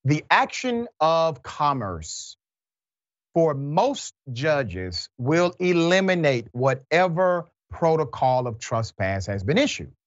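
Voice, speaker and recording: A man's voice: on the high side, big pitch swings, takes it slowly, no echo. A man hosting a news commentary show, talking animatedly and mocking the people he quotes. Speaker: show host. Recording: dull dry lo-fi sound.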